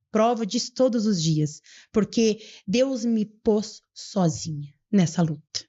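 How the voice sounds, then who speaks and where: A young adult woman, telling her personal story as a podcast guest in an earnest, fervent way and slowing down for emphasis. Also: mid-range voice, warm tone, lo-fi sound. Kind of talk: emotional personal testimony.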